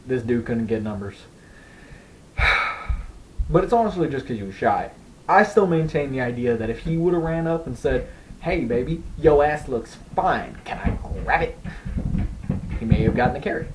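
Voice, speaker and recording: A man's voice: medium pitch, a little hiss or hum, low-quality recording. A young man telling stand-up style stories to camera in a casual, rambling way, acting out other people's voices. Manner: rambling, animated, breaks into laughs, acts out voices. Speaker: stand-up storyteller. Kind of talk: casual comedic storytelling to camera.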